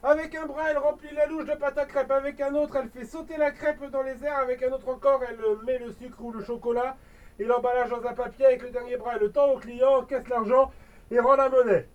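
High-voiced man reading a children's story. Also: little pitch movement, fairly quick, far from the mic, muffled recording. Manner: jokey asides to the listener.

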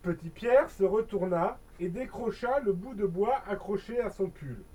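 A woman storyteller reading a children's tale with playful asides and dramatic pauses, recorded on a distant mic. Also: medium pitch, expressive, mellow, husky.

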